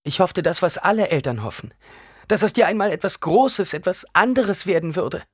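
A man's voice: high-pitched, lively intonation, normal speed, no room sound, clean studio sound, voice pushed up. A man voicing a worried mother, anxious and pleading as she tries to soothe her son.

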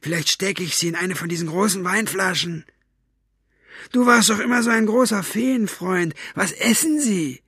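A man's voice: high voice, moderate pace, fairly bright tone, breathy edge, no room sound, clean studio sound, pitched above the performer's own voice, heavily acted. A man reading an audiobook, voicing a brutish henchman who mocks and sneers. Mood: sneering. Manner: sneering, mocking.

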